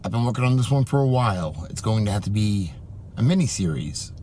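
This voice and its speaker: A man's voice: lowish voice, animated, brisk. A man narrating a scripted commentary video, reading out dates and reports one after another. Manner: reads out dates and reports in order. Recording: clip with music playing behind.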